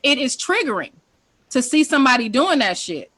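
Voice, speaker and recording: A woman with a high, bright voice tells her side on a group call, heated and profane. She presses her points emphatically. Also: sing-song, normal speed, slightly rough. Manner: emphatic, profane, defensive storytelling.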